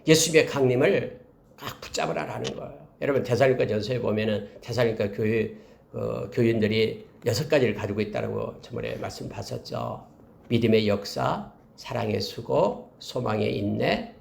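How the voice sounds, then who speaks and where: Gravelly, lively-voiced Korean pastor preaching. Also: male voice, medium pitch. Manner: preaching with animated emphasis, addressing the congregation. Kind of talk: sermon.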